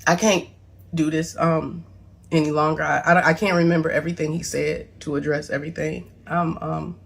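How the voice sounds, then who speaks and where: A woman's voice: deep voice, little pitch movement, normal speed, vocal fry, husky. Tearful rambling woman apologizing. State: close to tears. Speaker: mother addressing her son's claims. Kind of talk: emotional confessional video monologue.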